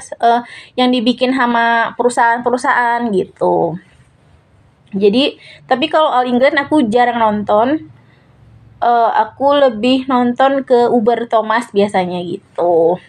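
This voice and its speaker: A young woman hosting a casual solo podcast, chatting in a rambling way with many fillers and self-corrections. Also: on the high side. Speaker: podcast host.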